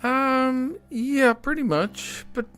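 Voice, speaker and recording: A man joining an open mic over a video call, chatting in a relaxed, hesitant way. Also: extremely high pitch, takes it slowly, faint music behind. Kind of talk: casual chat.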